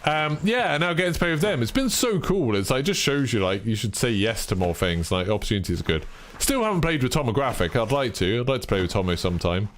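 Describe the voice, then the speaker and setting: A man's voice: medium pitch, lively intonation, quick pace, a little hiss or hum. A British man chatting casually with his stream audience, full of "like" and self-deprecating asides. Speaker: streamer reading chat. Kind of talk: casual live-stream chat.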